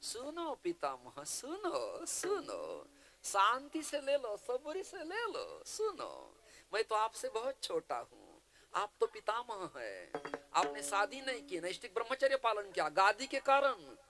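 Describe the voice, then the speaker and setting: A man's voice: high voice, wildly swooping pitch, slow, background noise, voice pushed up, heavily acted. A man voicing a scheming, wheedling royal uncle in a devotional storytelling sermon. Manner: coaxing, sly.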